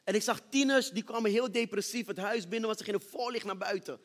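A man preaching a sermon testimony on a church stage, moving from hushed storytelling to loud, shouted praise. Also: sits high, fast. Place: church stage with reverberant hall. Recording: long hall reverb.

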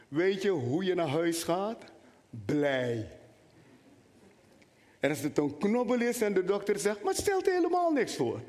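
A male preacher delivers an animated sermon and keeps turning to speak directly to the people in front of him. His voice sits high for a man. The sound rings with the long reverb of a church hall. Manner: animated, talks directly to the congregation.

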